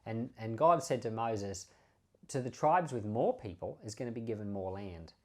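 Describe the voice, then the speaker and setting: A man with a lowish, animated voice speaks at a normal speed. He is a pastor and podcast host giving informal Bible teaching, explaining scripture conversationally and repeating key words for emphasis.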